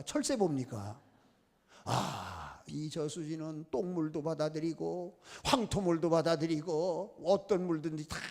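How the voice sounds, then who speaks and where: A man from Chungcheong preaching a revival sermon as guest pastor, emphatic and exhorting with folksy humor. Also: sits high. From Chungcheong, South Korea.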